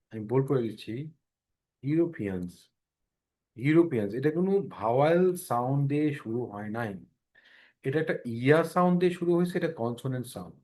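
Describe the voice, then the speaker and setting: A man's voice: mid-range voice, a little mellow. A man teaching English pronunciation in an online class, explaining step by step and checking that students follow. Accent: Bangladeshi Bengali.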